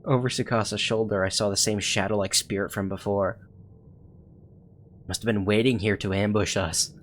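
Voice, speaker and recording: A man's voice: lowish voice, steady tone, moderate pace, a little hiss or hum, natural voice. A man reading scripted first-person horror game narration as an anxious young character. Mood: anxious, hushed suspense. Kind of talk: scripted narration read from a horror visual novel.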